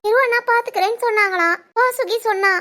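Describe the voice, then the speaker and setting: A woman voicing an anxious young college girl talking to her older brother in an animated drama, with a Tirunelveli Tamil accent. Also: extremely high pitch, quick pace. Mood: pleading. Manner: fretful, pleading.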